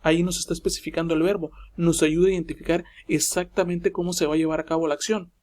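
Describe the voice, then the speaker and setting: Guy teaching class, higher voice, patient, says eh a lot. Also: little pitch movement, fast, a little mellow. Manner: patient, repetitive, many "eh" fillers. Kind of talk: recorded class explanation.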